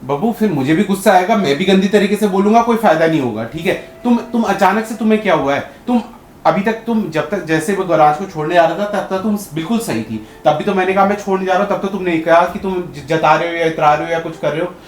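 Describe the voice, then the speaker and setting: It's a casual domestic argument: a husband in a staged prank keeps pressing his wife at home about what went wrong. He speaks high-pitched and a little fast in an echoey room, with a faint hiss or hum on the recording.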